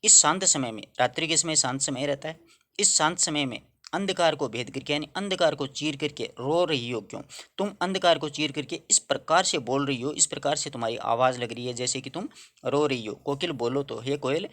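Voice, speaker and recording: A man's voice: on the high side, brisk, a bit bright. A man teaching a Hindi poem for a school class. He reads each verse, then explains it in simple words and puts questions to the students. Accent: Rajasthani-tinged Hindi.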